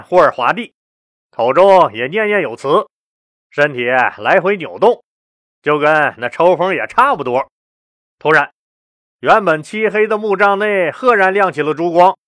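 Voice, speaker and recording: Man, podcast storyteller, chatty colloquial narration, rhetorical questions, fairly high voice, dry close sound. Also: dry recording. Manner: chatty, lively, asks the listener rhetorical questions.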